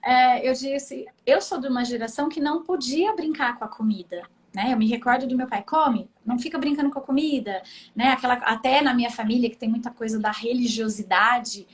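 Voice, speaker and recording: A woman's voice: on the high side, fairly quick, few pauses. A middle-aged woman with a Brazilian Portuguese accent, a speech therapist hosting a live stream, chatting casually and often tagging her sentences with "né?". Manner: chatty, frequent "né?" tags, acts out intonation examples.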